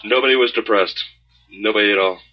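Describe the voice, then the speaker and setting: A man with a very deep, husky voice chats in a relaxed, rambling way. The recording is dull and lo-fi. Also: a little fast. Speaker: podcast co-host. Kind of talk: casual chat.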